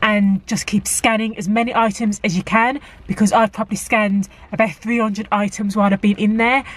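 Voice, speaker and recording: A woman's voice: medium pitch, steady tone, normal speed. A woman in a casual vlog, chatting to camera and giving practical tips with plenty of fillers. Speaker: vlogger. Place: car park outside a shop, rainy.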